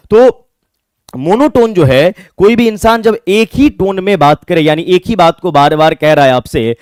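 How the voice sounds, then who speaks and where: A man's voice: on the high side, no echo. A male English teacher with a Bihari Hindi accent giving an exam-prep vocabulary lesson, asking questions and answering them himself and spelling words out letter by letter.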